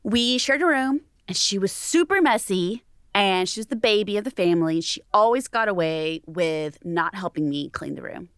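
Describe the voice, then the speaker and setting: A woman's voice: medium pitch, expressive, moderate pace, smooth, dry recording, studio quality. A woman in a casual chat, telling a childhood story in a chatty, reflective way.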